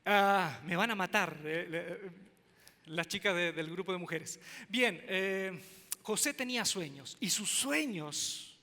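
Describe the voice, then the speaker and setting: Bright-voiced Mexican preacher in a big hall. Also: male voice, high-pitched, takes it slowly. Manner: animated, joking storyteller. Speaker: pastor. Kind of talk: sermon. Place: church auditorium.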